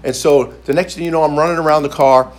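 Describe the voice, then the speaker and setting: A man's voice: fairly high pitch, steady tone, quick pace. A man preaching through a personal story, repeating phrases for emphasis and stumbling over restarts. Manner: frequent stammered restarts. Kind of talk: storytelling sermon.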